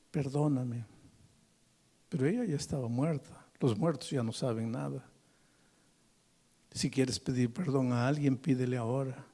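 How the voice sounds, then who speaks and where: In church, a pastor with a husky, mid-range male voice recounts a story as part of his sermon, shifting dramatically from hushed tones to forceful ones.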